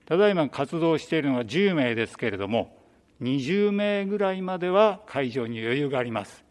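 A man who leads a reading club, answering interview questions calmly with some hesitant fillers. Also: on the high side, a little fast. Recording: long reverb.

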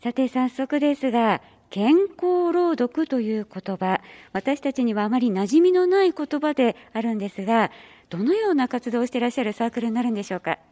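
A woman's voice: on the high side, animated, fairly quick, warm tone. A woman hosting a community program, interviewing club members in formal, very polite phrasing. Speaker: radio host.

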